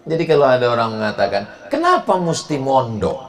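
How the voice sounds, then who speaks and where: Lively, playful male preacher. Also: medium pitch, a faint crowd, slight background noise. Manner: playful, jokes and chuckles, drawn-out Arabic recitation. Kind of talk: humorous sermon to a live audience.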